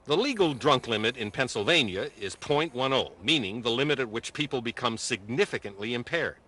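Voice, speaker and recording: A man narrating a news feature in a scripted style, with a wry, lively delivery. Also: mid-range voice, a little fast, slightly rough.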